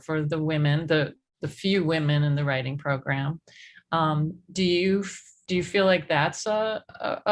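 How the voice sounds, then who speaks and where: A middle-aged woman interviewing a guest, affirming and encouraging in a casual conversation. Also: fairly low pitch.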